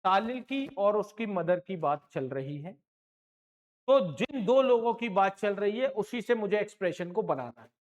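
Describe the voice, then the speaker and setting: Male maths tutor, slow and deliberate, patient and encouraging, repeats every step and slips English terms into his explanations. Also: high voice, animated, lo-fi sound. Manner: encouraging, repeats points, calls students "my children". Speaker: maths teacher. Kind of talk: online classroom lesson.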